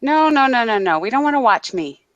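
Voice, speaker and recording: A woman's voice: a little high, very animated, brisk, a bit bright, dull audio. A woman co-hosting a craft stream, reading chat and teasing the host with dry wit. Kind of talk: casual banter.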